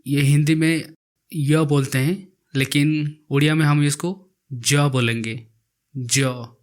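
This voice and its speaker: A man's voice: on the high side, fairly even intonation. A man teaching an alphabet lesson, saying each letter twice and explaining how to write it. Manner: repeats each letter slowly while writing it. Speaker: language teacher. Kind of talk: slow alphabet lesson with repetition.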